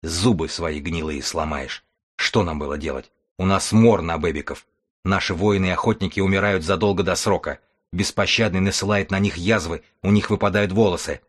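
Hoarse, desperate healer woman from a grim post-apocalyptic audiobook, read by a man: low and husky, bitter and pleading. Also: normal speed. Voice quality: hoarse, rasping.

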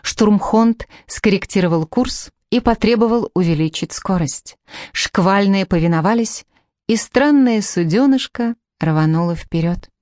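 A woman narrating a fantasy novel in the first person, in a measured storytelling manner. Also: medium pitch, lively intonation, darkish tone, no room sound, studio quality. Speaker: audiobook narrator.

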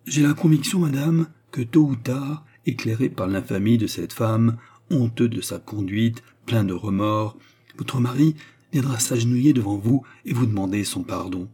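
A man voicing a noble count and gallant seducer who speaks softly, earnestly and courteously in an audiobook. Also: medium pitch, moderate pace, husky. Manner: soft, earnest, courtly speech. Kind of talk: audiobook character reading.

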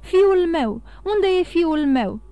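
Woman acting out a panicked middle-aged man, shouting, urgent, high strained voice, dry close sound, audiobook character. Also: no echo, close to an everyday voice. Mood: frantic. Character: frantic middle-aged male magistrate, anxious, desperate.

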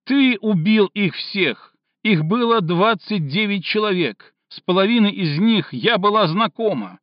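A man voicing a young woman who is hysterical and tearful, shouting accusations in a shrill, sobbing voice, in an audiobook reading. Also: expressive, moderate pace, no room sound, lo-fi sound, close to an everyday voice.

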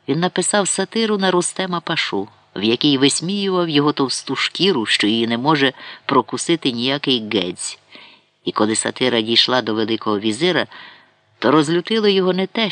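A man narrates a historical novel in a measured storytelling manner, his pitch and loudness rising and falling through each sentence. The recording is dry and close, with no room echo at all. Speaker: audiobook narrator.

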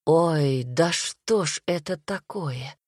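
Casting: anxious lamenting mother in an audiobook, read by a woman, lowish dry voice. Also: takes it slowly, no room sound. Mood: fretful. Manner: fretful, lamenting, hushed. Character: worried fretful mother, soft and lamenting.

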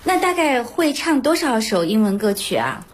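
A woman's voice: on the high side, sing-song, normal speed, breathy edge. A woman hosting a radio interview, asking friendly prompting questions. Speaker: radio host. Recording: radio studio.

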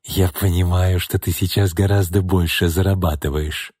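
A man's voice: fairly even intonation, moderate pace, darkish tone, slightly rough, no room sound, clean studio sound. A sneering, menacing pimp, read by a man. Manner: sneering, mocking, low menacing threats. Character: menacing smug middle-aged pimp and thug.

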